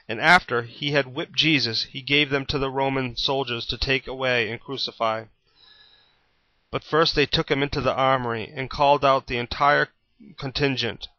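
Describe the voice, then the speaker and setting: A man of medium pitch reads the Bible aloud from a script in a bright, forward tone. He delivers it steadily and plainly, like a storyteller, in a dry, slightly dull recording.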